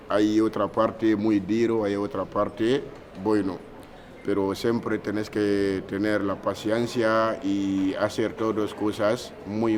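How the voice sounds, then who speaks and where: A man from Guinea with a Guinean accent, speaking imperfect second-language Spanish in a street interview. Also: on the low side. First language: not Spanish. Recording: outdoor street with clear traffic noise.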